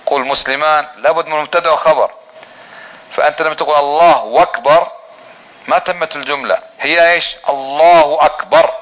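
Higher-voiced man teaching a religious lesson. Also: fairly bright tone, rough recording. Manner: asks the audience questions and answers them himself; slowly drawn-out demonstrations of recited phrases. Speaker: Islamic teacher.

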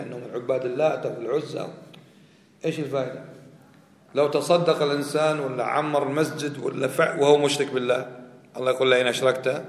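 A man teaching a religious lesson, quizzing his students with questions he repeats. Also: medium pitch. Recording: echoey hall.

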